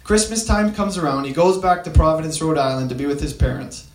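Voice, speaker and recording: Man retelling a story, halting. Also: fairly high pitch, echoey room. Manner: halting, with frequent fillers and restarts. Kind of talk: storytelling talk.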